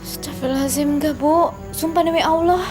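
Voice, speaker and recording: A high, soft-spoken voice of a humble young housemaid, played by an actress. She pleads politely and near tears. Loud drama music sits under her lines. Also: steady tone, fast talker, natural voice. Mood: pleading. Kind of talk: TV soap drama.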